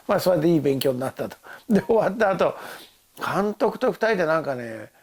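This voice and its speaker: A husky older man talks in a slightly tipsy, casual monologue about life as an actor. His pitch swings up and down a lot as he rambles. He laughs often and mimics the people in his stories. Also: sing-song, brisk. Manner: rambling storytelling with laughs and quoted voices. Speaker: actor recalling a film shoot.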